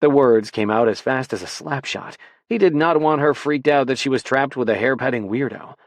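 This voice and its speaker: A man reading an audiobook in a measured, even scripted narration. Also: mid-range voice, dry recording, clean studio sound.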